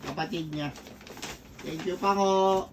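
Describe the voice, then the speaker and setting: A man's voice: on the high side, takes it slowly. A man, co-hosting a casual unboxing vlog at home with joking, teasing banter. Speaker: vlog co-host. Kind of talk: casual gift-unboxing chat. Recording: distant mic, faint room noise.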